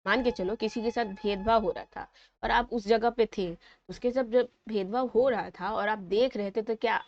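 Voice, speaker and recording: A woman's voice: a little high, moderate pace, highs cut off. A woman teacher with a Bihari Hindi accent explaining a school lesson, repeating points and checking in with her students. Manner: repetitive, coaxing, checks with "ठीक है".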